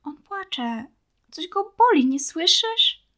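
A woman's voice: fairly high pitch, unhurried, lightly acted. A woman reading a storybook and voicing a tender-hearted young girl who speaks tearfully and pleads.

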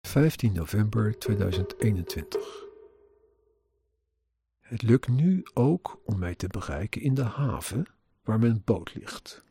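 A man's voice: on the low side, lively intonation, slow, dark tone, slightly rough. A man earnestly narrating his own experiences in a personal account, with an indignant edge.

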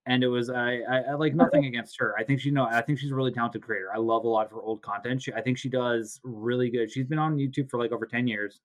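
A man's voice: mid-range voice, fairly even intonation, fast talker, hardly any pauses. A man hosting a podcast from home with a sore throat, chatting casually, rambling and correcting himself as he jokes. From Canada. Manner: rambling, self-correcting, joking. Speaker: podcast host. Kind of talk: casual chat. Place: home, recording remotely. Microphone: home mic, video call.

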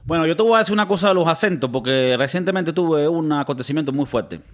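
A man in his thirties, slightly high-voiced, with a Venezuelan Spanish accent that years abroad have blended. He hosts a casual podcast and tells animated stories, cursing freely along the way. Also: fast talker. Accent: Venezuelan Spanish, blended from years in Miami and Spain. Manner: animated storyteller, swearing freely. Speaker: podcast host.

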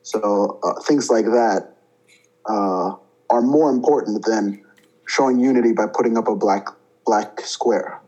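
A man's voice: lowish voice, a little slow, darkish tone, dull audio. A young man from India, a student guest, talking thoughtfully with fillers and restarts. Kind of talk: casual interview talk.

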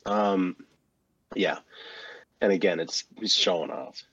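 A man co-hosting a casual chat, walking through a game character's moves in a relaxed, rambling way with many ums and restarts. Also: deep voice, slow pace, creaky, slightly rough, no echo, highs cut off. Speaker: co-host presenting a game moveset. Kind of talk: casual chat about video games.

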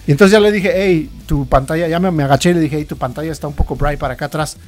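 Fast-talking Mexican man, high voice. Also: faint music behind. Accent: Mexican Spanish. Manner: profane, animated storytelling. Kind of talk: casual chat.

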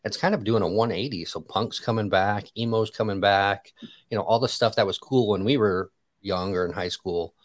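A man in his thirties from Michigan hosting a casual chat, talking in a relaxed, halting way with many fillers. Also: on the low side, no echo. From Michigan, USA. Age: 30s. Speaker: podcast host.

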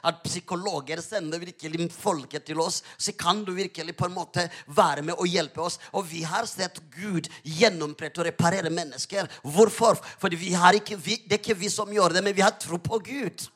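A man pastor preaching a sermon, telling a story with lively, emphatic exclamations. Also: sits high, few pauses, breathy edge.

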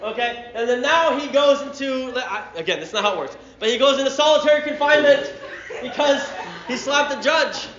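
A man preaching a sermon to a youth group, acting out a story with lively voices and slaps. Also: very high voice, a little fast. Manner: animated storyteller, acting out scenes. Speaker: pastor. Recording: roomy, dull lo-fi hall.

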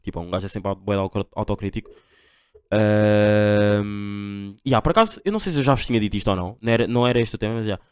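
A man's voice: lowish voice, fast, a little mellow, smooth, no room sound, clean studio sound. A young man with a Portugal accent hosting a casual solo podcast, rambling in slang with constant fillers. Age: young adult. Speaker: podcast host.

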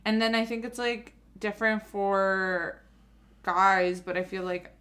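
Brief: young woman podcast co-host, relaxed chatty delivery, peppered with "like". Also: measured pace. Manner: chatty, many filler "like"s; acts out quoted relatives in a higher voice. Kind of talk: casual chat.

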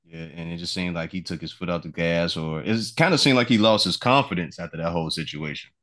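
Male podcast host, very low voice, laid-back slangy chat. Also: fast. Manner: relaxed, slangy, repeats words while thinking. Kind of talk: casual interview chat.

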